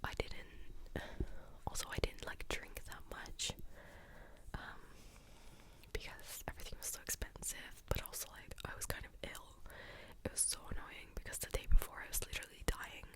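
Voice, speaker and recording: A young adult woman whispers a rambling, informal ASMR storytime close to the ear in a breathy, clicky, unvoiced whisper with a mildly exasperated manner. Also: normal speed. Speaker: ASMR creator telling stories. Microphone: close ASMR stereo mic at the ear.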